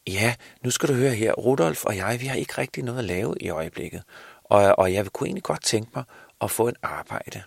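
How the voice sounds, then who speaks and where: A man's voice: mid-range voice, expressive, gravelly, husky, no room sound, pitched above the performer's own voice. A man voicing an eager young man out of work who wants to become Santa, stumbling over his words. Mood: earnest.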